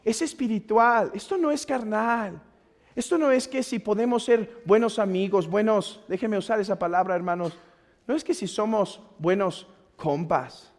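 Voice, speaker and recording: A pastor with a Mexican Spanish accent preaching a sermon, earnest and exhorting, rising to loud urging and dropping to quiet pleading. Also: male voice, high-pitched, moderate pace. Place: church hall. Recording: long church reverb.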